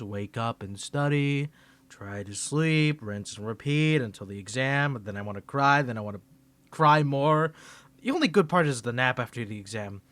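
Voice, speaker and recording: A man with a mid-range, fairly bright voice performs an ASMR roleplay addressed to the listener. He's flustered and stammering, swinging between defensive grumbling and bossy, scolding outbursts.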